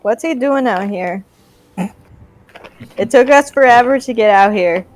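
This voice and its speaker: A woman's voice: a little high, a little slow, darkish tone. A woman chatting casually at a tabletop game in a blunt, dry manner.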